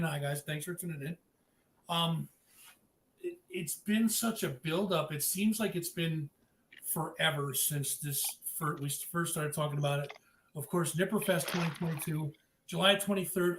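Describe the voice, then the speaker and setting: A man hosting a live-streamed interview, upbeat and chatty, giving shout-outs to viewers. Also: fairly high pitch, fairly even intonation, moderate pace. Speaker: podcast host. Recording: echoey room with faint noise.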